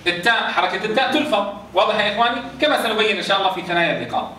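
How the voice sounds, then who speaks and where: A man's voice: high-pitched, very fast, pushed and bright, slight background noise. A man teaching Quran recitation rules to a class, quizzing his students and chanting verse examples. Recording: roomy echo, distant mic.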